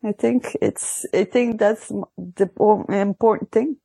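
A woman guest, a dog dancing champion, answering interview questions in halting non-native English, often searching for words. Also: mid-range voice, vocal fry, warm tone, breathy edge, no echo.

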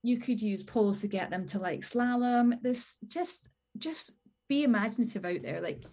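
A woman's voice: on the high side, lively intonation, moderate pace, mellow. A woman guest in a casual chat, explaining practical dog-training advice with many fillers.

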